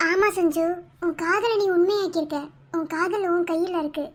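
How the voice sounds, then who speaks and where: A woman's voice: very high voice, moderate pace. A woman voicing a loyal young female best friend in a cartoon, earnest and consoling. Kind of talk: Tamil cartoon voice acting.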